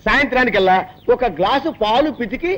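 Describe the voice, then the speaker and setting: A man playing a forgetful, blustering office boss in a comedy film scene, giving orders fast. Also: extremely high pitch, expressive, a bit bright, poor audio. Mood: bossy. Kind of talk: comic film dialogue.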